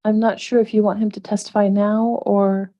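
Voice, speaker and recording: A woman's voice: medium pitch, little pitch movement, moderate pace, warm tone, highs cut off. A woman clerk politely calling testifiers and swearing them in at a public hearing. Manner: polite, procedural. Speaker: commission clerk. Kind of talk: procedural meeting announcements.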